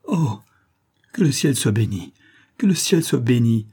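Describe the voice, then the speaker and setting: A man's voice: medium pitch, unhurried, warm tone, slightly rough. A man reading aloud and voicing a young wife, frightened yet brave, in breathless, pleading outbursts in a storybook. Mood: relieved.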